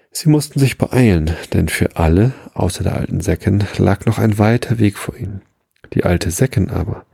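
A man calmly reading a Christmas story aloud in a measured storytelling manner, recorded close in a dry room. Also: deep voice, vocal fry, husky, dry recording.

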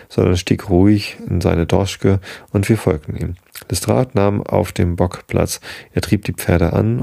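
A man narrating an audiobook in a measured way, now and then restarting a word. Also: low-pitched, gravelly, dark tone, dry recording, studio quality.

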